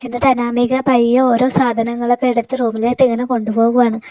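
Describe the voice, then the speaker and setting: A woman's voice: a little high, monotone, quick pace, dark tone, no echo. A woman casually retelling a TV serial episode in a chatty, listener-addressing way. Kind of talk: casual spoken recap.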